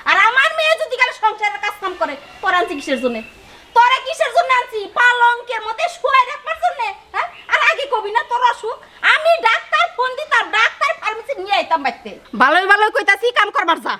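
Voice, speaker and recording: An actress playing a domineering, taunting middle-aged mother-in-law in a village family drama, with a shrill, scolding way of talking. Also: sing-song, fast talker, bright, forceful tone, full character voice. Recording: noisy background.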